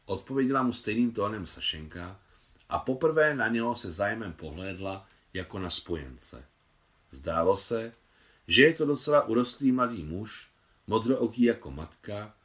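Man reading a novel, bright tone. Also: lowish voice. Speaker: translator reading his translation. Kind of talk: audiobook narration.

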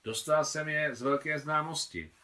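A man reading the part of a fatherly older army officer who is a keen photographer, in a hearty, brisk manner. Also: on the high side, sharp tone, voice pushed up. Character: older male officer, kindly veteran photographer.

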